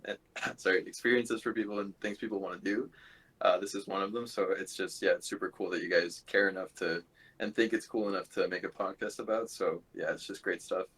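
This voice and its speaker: A Canadian man who organises events chats casually as a podcast guest, laid-back and informal. His voice sits on the low side, with a fairly bright tone and a breathy edge.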